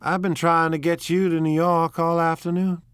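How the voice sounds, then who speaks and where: A man's voice: on the high side, little pitch movement, a bit bright, clear, resonant tone, dry recording, pitched above the performer's own voice, lightly acted. Daisy is a flighty, dreamy young society wife, voiced by a male audiobook narrator. She gushes and draws her words out in a lifted, airy tone. The recording is close and dry. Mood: petulant. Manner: gushing, dreamy, drawn-out phrasing. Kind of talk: audiobook character voice.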